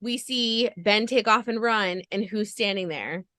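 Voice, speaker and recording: A woman's voice: medium pitch, measured pace, fairly bright tone, no room sound. A woman podcast interviewer recapping a show with gushing enthusiasm in long run-on stretches.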